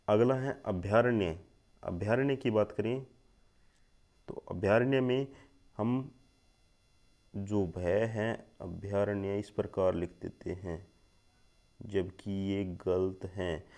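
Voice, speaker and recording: A man's voice: on the low side, slow pace, long pauses, darkish tone. A young man teaching a spelling lesson for an exam, going through words one by one, repeating each word and often checking in with his listeners. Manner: explains word by word, repeats each word several times, often says "thik hai doston". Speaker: Hindi grammar teacher.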